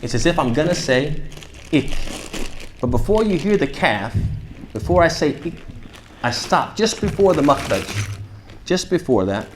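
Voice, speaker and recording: A man's voice: a little high, moderate pace, echoey room, a little hiss or hum. A man leading a tajweed class, modelling sounds and quizzing students as he goes. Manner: animated, demonstrates sounds and asks the class questions. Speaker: tajweed teacher.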